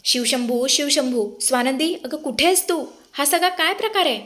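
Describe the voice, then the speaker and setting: A woman doing a furious shouting grandmother. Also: high voice, normal speed, voice pushed up. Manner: shouting, scolding. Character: elderly grandmother, furious and traditional.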